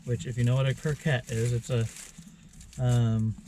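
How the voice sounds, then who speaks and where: A man's voice: mid-range voice, flat delivery, normal speed, warm tone. An American man hosting a casual food-tasting vlog, explaining each snack in an easygoing way. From United States. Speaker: vlog host. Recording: noisy background ambience.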